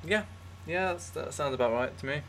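A young man co-hosting a podcast, telling absurd stories in a deadpan way with frequent restarts. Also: on the high side, brisk, slight background noise. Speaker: podcast co-host. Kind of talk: casual comedic chat.

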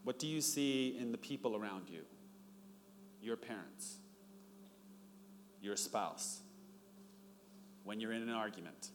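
A middle-aged pastor speaks slowly with long pauses as he preaches a sermon. He tells stories and acts out their dialogue with a rising pitch, and the recording has long reverb and faint background noise.

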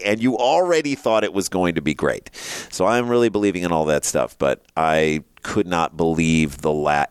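A man co-hosting a sports podcast in casual chat, excitable and anxious, rambling with big jumps in pitch. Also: clean tone, no room sound. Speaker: podcast co-host.

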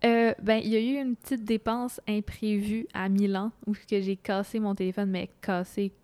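A woman with a Québécois French accent, chatting casually as a guest and telling her stories in a lively way, often acting out her own thoughts aloud. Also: medium pitch, moderate pace, clean tone. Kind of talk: casual conversational storytelling.

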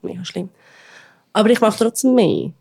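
A young woman with a Swiss German accent co-hosts a podcast in candid, chatty conversation. She laughs easily and speaks at a middling pitch. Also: moderate pace, creaky, warm tone, slightly rough. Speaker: podcast co-host. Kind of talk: casual chat.

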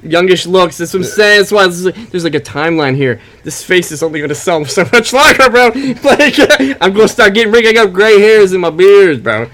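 A talkative musician in his mid thirties chats casually in an interview, his high, fairly bright voice brisk and animated with hardly any pauses. He rambles in informal slang, calling the listener "bro" and "man."

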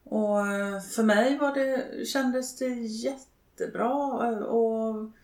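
An older woman talks slowly and haltingly, with many fillers and pauses. Her voice has a creaky, gravelly edge. She is recorded in a roomy space that gives a clear echo. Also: fairly high pitch, steady tone, darkish tone. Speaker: interviewee, widow and network co-founder. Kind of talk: reflective interview talk. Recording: roomy, echoey room.

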